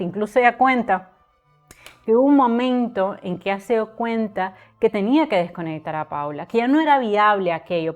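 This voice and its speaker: A woman hosting a live-stream literature lesson, speaking in an earnest, conversational way with frequent filler sounds. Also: medium pitch. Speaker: literature tutor and channel host.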